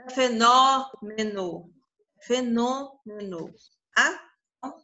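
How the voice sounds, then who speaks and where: A woman's voice: a little high, sharp tone. A woman teacher with a Brazilian Portuguese accent giving an online grammar lesson, stretching out her example words and often checking in with the class. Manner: drawn-out syllables, frequent check-ins with the class.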